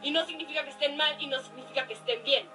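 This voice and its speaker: A woman's voice: sits high, quick pace, bright, forceful tone. A woman talking earnestly to camera in a vlog clip that is played back. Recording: distant clip audio with music.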